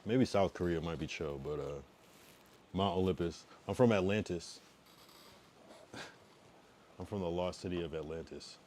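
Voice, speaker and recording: Deep and a little slow, with long pauses and slight background noise, this man in his thirties from the US East Coast, Massachusetts and Connecticut, talks casually with livestream viewers. His laid-back speech rises loud and then sinks into mumbles.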